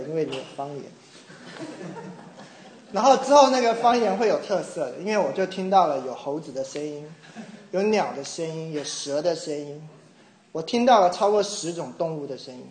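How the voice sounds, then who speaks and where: A middle-aged man from Taiwan preaching a sermon, telling a personal story with animated mimicry of others. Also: fairly high pitch, fairly quick. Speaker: pastor. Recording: echoey room with faint ambience.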